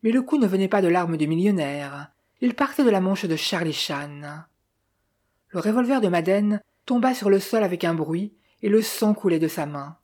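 A woman reading a detective novel aloud with steady, even storytelling. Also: mid-range voice, moderate pace. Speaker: audiobook reader. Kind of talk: scripted narration.

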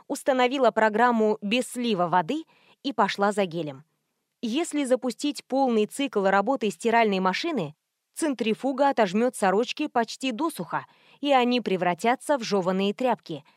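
A woman narrates a first-person comic mystery audiobook in a measured, lightly ironic way. Her voice sits somewhat high. The recording is close and completely dry. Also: expressive, dry recording.

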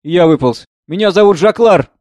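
A man reading the part of a wounded peasant with a hoarse, mocking voice. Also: high-pitched, animated, fairly quick, a little mellow, no room sound, pitched above the performer's own voice. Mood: rough, mocking.

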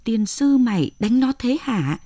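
Lady doing a loud northern granny cussing everybody out, raspy, old mother-in-law in a story. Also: fairly low pitch, big pitch swings, normal speed, no room sound, clean studio sound. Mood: screaming. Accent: Northern Vietnamese. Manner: scolding, shouting curses. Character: shrill foul-mouthed old woman in her seventies, a mother-in-law.

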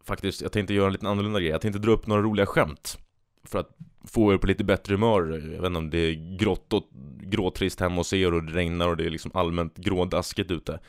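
A man's voice: deep voice, fairly even intonation, no room sound, clean studio sound. A man hosting a solo podcast, chatting casually and reading out jokes with a rambling, self-amused manner. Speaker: podcast host.

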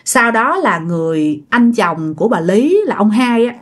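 Lively Southern Vietnamese woman storyteller. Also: medium pitch, a little slow. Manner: lively, acts out the characters' voices. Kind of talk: casual ghost story narration.

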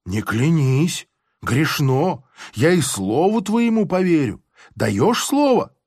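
In a storybook reading, a man gives a full character voice to a sanctimonious, sadistic army officer who moralizes smugly. His voice is fairly high, very animated, and slow, and he sounds oily and unctuous before breaking into gleeful shouting. The audio is studio quality with no echo.

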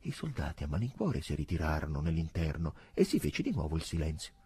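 Husky deep-voiced man reading a novel. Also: fairly quick. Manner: expressive, dramatic reading. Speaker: audiobook reader. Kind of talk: literary audiobook narration.

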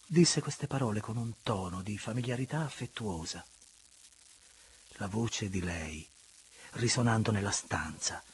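A man narrating a classic novel for an audiobook, in a measured, expressive way that at times drops to a hush. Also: fairly low pitch, breathy edge.

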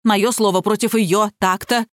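A woman narrator voicing a nervous, shifty man who protests in a hurried, shrill way. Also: fairly even intonation, dry recording, clean studio sound, natural voice. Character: nervous, shifty adult man accused of fraud.

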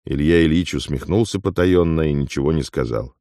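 A man narrating an audiobook in a measured, steady storytelling manner. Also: sits low, dry recording, clean studio sound.

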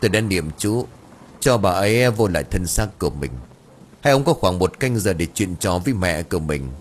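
A man's voice: deep voice, animated. Stern exorcist woman, voiced by a man. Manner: stern, measured. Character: stern young female exorcist, calm and firm. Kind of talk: audiobook character voice.

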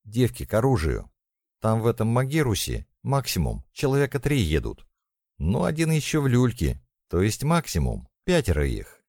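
A man voicing Natka, a brisk young commander. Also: fairly low pitch, huge pitch swings, darkish tone, no room sound, studio quality, voice pushed up, heavily acted. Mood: commanding. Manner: decisive, commanding. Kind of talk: audiobook character voice.

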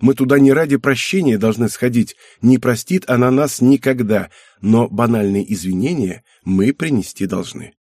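A man voicing a calm, mildly teasing middle-aged husband and father in an audiobook, with a husky voice. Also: mid-range voice, normal speed, few pauses, no room sound, studio quality, close to an everyday voice. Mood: soothing.

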